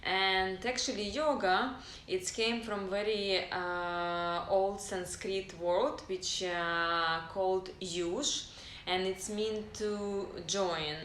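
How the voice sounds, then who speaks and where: A woman's voice: medium pitch, fairly even intonation, drawn-out words, fairly bright tone, a little hiss or hum. Giggly woman, English, echoey. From Ukraine. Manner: giggly, searching for words, non-native phrasing. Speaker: yoga teacher and live stream co-host. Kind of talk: casual live stream chat.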